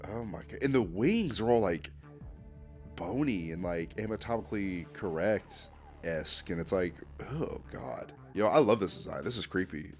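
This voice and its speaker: Excitable low-voiced man reacting casually. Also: moderate pace, faint music behind. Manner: excitable and slangy, says "dude" a lot, laughs often. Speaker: YouTube host ranking fan art.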